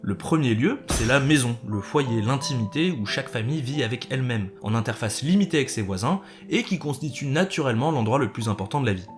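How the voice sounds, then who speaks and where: A man's voice: mid-range voice, animated, fast talker, hardly any pauses, faint music behind. A man narrating a scripted video essay as its host, with sarcastic, slangy asides.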